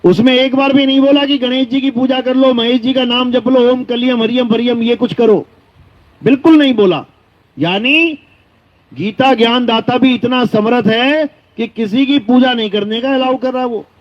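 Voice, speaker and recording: Male preacher, high voice, slow chanted verses then plain explanation, muffled lo-fi audio. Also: steady tone. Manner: rhetorical questions, emphatic repetition. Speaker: spiritual preacher. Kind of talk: devotional discourse. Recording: dull lo-fi recording.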